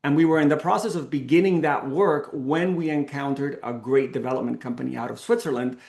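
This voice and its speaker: Middle aged guy from the canary islands, gravelly voice, lots of restarts, echoey room. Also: medium pitch, brisk. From Canary Islands, Spain. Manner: warm storytelling with frequent restarts and fillers. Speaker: company founder and CEO. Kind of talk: casual presentation on a video call.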